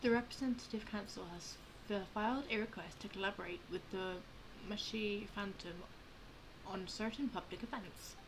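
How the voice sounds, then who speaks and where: A channel host plays a game and casually comments on it in a medium-pitched voice. She is informal and halting when reading aloud, and clear noise can be heard in the background.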